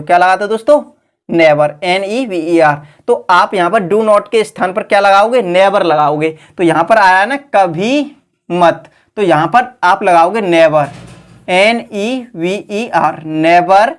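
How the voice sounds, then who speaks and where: Slow, patient woman teaching grammar. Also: mid-range voice. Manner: keeps calling the viewers friends. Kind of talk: explaining a lesson.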